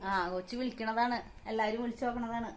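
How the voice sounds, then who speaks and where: A mother with a Kerala Malayalam accent, talking in a home vlog. She coaxes her young son in a sing-song voice and calmly explains things to the viewers. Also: fairly high pitch, quick pace. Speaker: mother of the vlog's child. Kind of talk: casual home vlog talk with her child.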